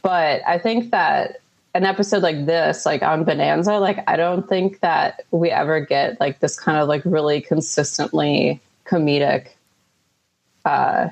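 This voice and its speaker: A female co-host gives casual commentary on a TV show. Her voice is low, with a lot of fry. She talks conversationally, peppering her sentences with "like". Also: a little slow, lo-fi sound. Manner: conversational, frequent "like".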